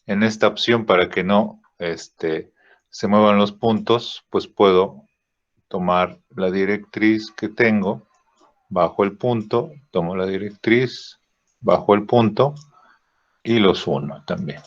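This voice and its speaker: A man teaching a drawing software lesson, thinking aloud with fillers and checking in with "¿sí?" after each step. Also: on the low side. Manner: slow, checks in with frequent "¿sí?" and "¿no?"; thinks aloud with "este" fillers while clicking. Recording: dull lo-fi recording.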